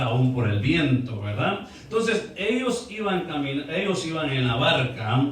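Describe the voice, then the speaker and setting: A man preaching a sermon as pastor, reading scripture and asking the congregation repeated rhetorical questions, sometimes calling for applause. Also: a little high. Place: church. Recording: echoey church room from a distance.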